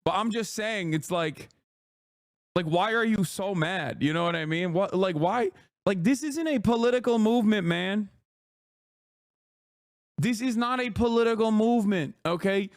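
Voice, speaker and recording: A man's voice: high voice, no room sound, clean studio sound. A man streaming casual reaction commentary, emphatic and profane, often laughing as he talks.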